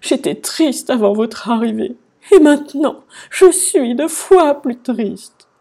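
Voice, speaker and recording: Lady doing a weepy storybook king, high and whiny, wailing and sulky, husky under it. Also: expressive, takes it slowly, dark tone, heavily acted. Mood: whimpering. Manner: wailing, sobbing, petulant. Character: whiny tearful old male king.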